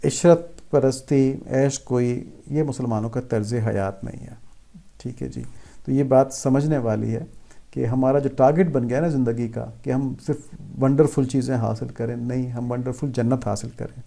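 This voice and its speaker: A man's voice: medium pitch, fairly even intonation, gravelly, mellow. A man giving a patient religious lesson, explaining step by step and repeating key phrases for emphasis. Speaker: religious teacher. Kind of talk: religious instruction talk.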